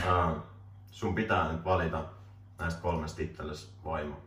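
A man's voice: sits low, a bit bright. A man in his twenties hosting a casual joking interview, laughing often and reading questions off a phone in a small room. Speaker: host asking questions. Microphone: camera mic from a distance. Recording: roomy distant camera audio, faint hiss.

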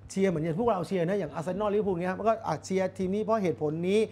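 A man hosting a casual talk show, chatting bluntly with a guest and dropping many quick agreements. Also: high voice, darkish tone. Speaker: podcast host. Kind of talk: casual chat.

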